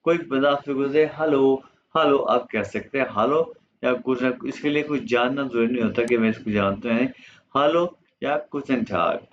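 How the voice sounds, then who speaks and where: A man whose first language is Urdu, teaching a German lesson slowly and patiently, repeating each word for his students. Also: mid-range voice, dull audio, slight background noise.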